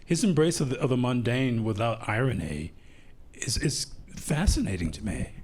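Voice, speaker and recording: Husky-voiced man hosting an interview. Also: medium pitch, very animated, normal speed, darkish tone. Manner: enthusiastic, analytical, stumbling over words. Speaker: interview host. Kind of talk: conversational interview.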